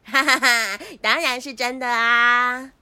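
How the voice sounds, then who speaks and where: A woman's voice: on the high side, fairly even intonation, slow pace, sharp tone, clean tone, no room sound, exaggerated voice. A woman voicing a cheerful female drawing teacher in a cartoon, bubbly and a little flustered. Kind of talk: cartoon voice acting.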